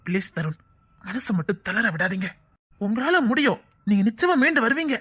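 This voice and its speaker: A woman playing a calm woman doctor who talks slowly and reassuringly to a patient. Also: on the high side, husky, heavily acted. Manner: slow, soothing, reassuring.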